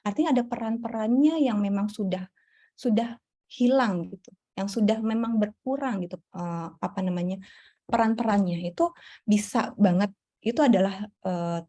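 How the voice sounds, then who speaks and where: A woman psychologist answering audience questions in a relaxed, explanatory talk, with frequent fillers and a style touch. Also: mid-range voice. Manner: warm explanatory, many fillers. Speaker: psychologist guest. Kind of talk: casual Q&A talk.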